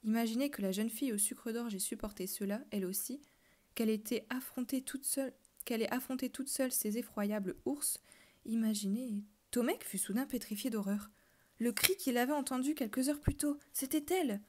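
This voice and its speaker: A woman reads a children's novel aloud in a soft, hushed storytelling voice. She sinks to a whisper when the tension builds, her voice sitting a little high. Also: fairly quick, slight background noise. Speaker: reader.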